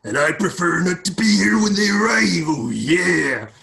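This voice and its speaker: A man voicing a sinister bony old man with a thick German accent, a gravelly growl that blends a wrestler's rasp with a German drawl. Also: high-pitched, lively intonation, measured pace, sharp tone, pitched above the performer's own voice, heavily acted.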